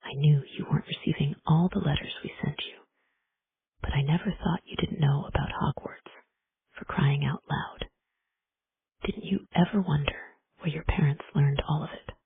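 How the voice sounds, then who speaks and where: A narrator whispering the part of a huge, gruff, bearded male giant who speaks in rough folksy words, in a whispered role-play. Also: medium pitch, fairly even intonation, normal speed, lightly acted. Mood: indignant. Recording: dry, tinny phone-like sound.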